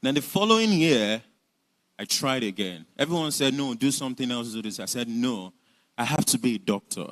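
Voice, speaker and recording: This is personal storytelling from a young Nigerian man whose voice is medium in pitch, a bit bright and expressive, moving at a moderate pace. His Nigerian accent carries an earnest, reflective account of his life, dotted with light laughter.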